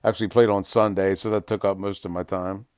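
An older man hosting a casual sports podcast, talking in a relaxed, rambling way with lots of "uh" fillers. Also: sits low, brisk, clear, resonant tone, no echo, studio quality. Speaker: podcast host.

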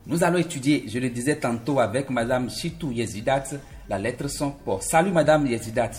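A man's voice: medium pitch, moderate pace. A man presenting an educational TV programme from a studio, in a formal announcing tone. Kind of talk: scripted broadcast introduction.

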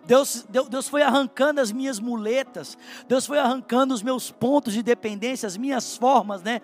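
A man's voice: very high voice, normal speed, faint music behind. A man with a Brazilian Portuguese accent preaching a sermon, telling his own testimony in an earnest, heartfelt way and speaking straight to the listener. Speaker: pastor.

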